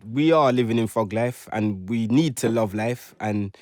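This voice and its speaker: Man, podcast host, preachy, drawn-out, dry sound. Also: on the low side, dry recording. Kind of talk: casual group chat.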